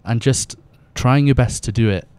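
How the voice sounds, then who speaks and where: A man's voice: mid-range voice, normal speed, a little mellow, clean tone. A man who is a podcast guest, talking earnestly and reading verses aloud with feeling. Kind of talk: podcast conversation with scripture reading.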